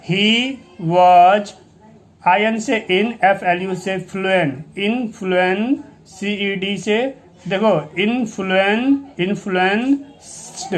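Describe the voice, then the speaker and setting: A male English teacher giving a reading lesson, spelling out each word letter by letter and repeating it patiently. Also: high voice. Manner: spells words out letter by letter, drawing syllables out slowly.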